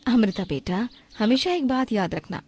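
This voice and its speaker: A woman playing a kind, patient mother who sells vegetables, speaking gently and reassuringly. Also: a little high, sing-song, moderate pace, slight background noise. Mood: gentle.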